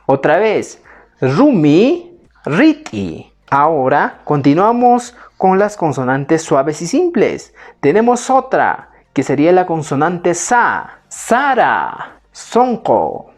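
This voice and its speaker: A woman teaching a Quechua lesson, slowly pronouncing example words and repeating them in drills. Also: low-pitched, darkish tone. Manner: slow, careful enunciation of example words. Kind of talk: language lesson, slow repetition drills.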